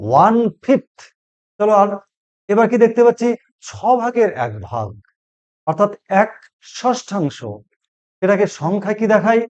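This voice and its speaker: Man teaching English in a lively, questioning voice. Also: sits high, normal speed, pauses often. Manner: asks and repeats questions to the class. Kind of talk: classroom lesson. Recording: dull lo-fi recording.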